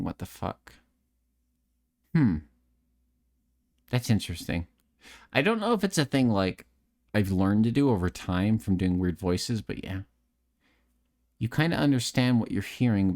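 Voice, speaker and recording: A man with a lowish, slightly mellow voice chats frankly on a late-night stream. Swearing freely and joking at his own expense, he repeats words and restarts his sentences.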